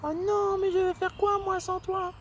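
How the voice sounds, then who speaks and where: A woman's voice: very high-pitched, little pitch movement, normal speed, highs cut off, slight background noise. A woman voicing a tiny, timid female ant in a children's story, with a pleading, stammering way of talking.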